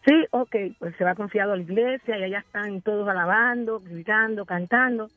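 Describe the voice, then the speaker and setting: A woman's voice: medium pitch, a little fast, no room sound, phone-quality sound, faint music behind. A woman calling in to a radio show, cheerfully telling a joke. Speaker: caller.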